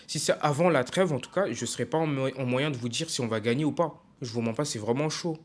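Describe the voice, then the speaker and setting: A young man from France ranting casually in a video, frustrated and emphatic, halting often with fillers and restarts. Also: medium pitch. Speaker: football vlogger.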